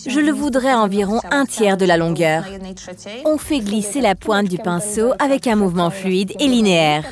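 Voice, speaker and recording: A woman's voice: medium pitch, expressive, moderate pace, a crowd in the background. A woman nail instructor explaining a technique step by step in a chatty, instructional way. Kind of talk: instructional demo chat. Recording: music playing behind.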